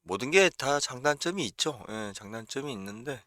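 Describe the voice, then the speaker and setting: A man's voice: mid-range voice, lively intonation, moderate pace, fairly bright tone, no room sound, studio quality. A man from central South Korea, hosting a casual real estate livestream, talking bluntly with frequent fillers and chuckles. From Chungcheong region, South Korea.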